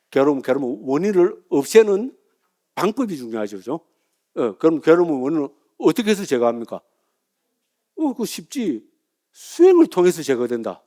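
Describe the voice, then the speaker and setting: A man's voice: on the high side, dark tone. A middle-aged man, a Buddhist monk giving a lecture in a chatty way, often asking his listeners "right?" and laughing at himself.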